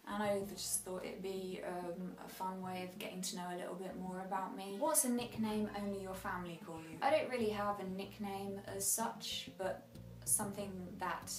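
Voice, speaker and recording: A woman's voice: mid-range voice, steady tone, moderate pace, hardly any pauses, roomy sound, far from the mic, rough recording. A woman chatting casually to camera as a vlogger, rambling and correcting herself as she goes.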